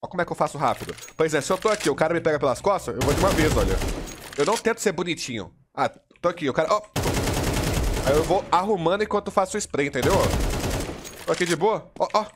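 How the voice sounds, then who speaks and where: Quick slangy Brazilian gaming coach. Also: male voice, fairly high pitch, expressive, heavy background noise. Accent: Brazilian Portuguese. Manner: slangy and casual, demonstrating while talking, keeps saying "look" and "you know"; direct, repetitive drilling of steps. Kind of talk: live gameplay tutorial. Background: faint in-game gunfire and mouse clicks.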